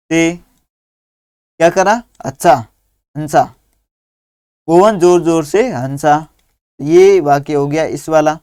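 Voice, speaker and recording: A man teaching young children through a workbook, dictating words slowly and patiently one at a time. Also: a little high, warm tone, clear, resonant tone, dry recording, clean studio sound.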